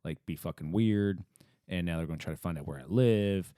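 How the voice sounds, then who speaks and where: A low-voiced man co-hosting a podcast in casual chat, cursing often and getting animated. His voice sits close and dry on the mic, with no room sound around it. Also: a little fast, clean tone, no room sound. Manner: profane, animated, laughs easily. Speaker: podcast co-host.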